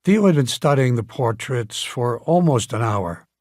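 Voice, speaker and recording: Husky male audiobook narrator. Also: medium pitch, lively intonation, darkish tone, dry recording, studio quality. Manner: measured storytelling. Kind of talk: scripted narration.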